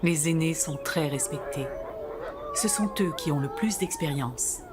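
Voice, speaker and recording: A woman's voice: deep voice, measured pace, noisy background. A woman reading scripted nature documentary narration. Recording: music behind the voice. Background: background music.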